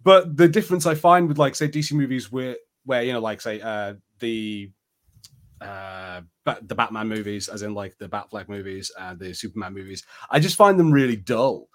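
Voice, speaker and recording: A male podcast co-host with a lowish voice and moderate pace shares his opinions in casual chat. His manner is conversational and tentative.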